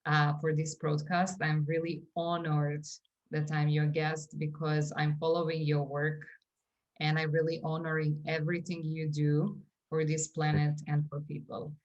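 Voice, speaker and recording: A woman's voice: sits low, little pitch movement, measured pace, darkish tone, muffled recording. A woman in her forties with a Serbian accent, a wellness coach talking earnestly as a podcast guest with many fillers and restarts. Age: 40s. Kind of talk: conversational podcast interview.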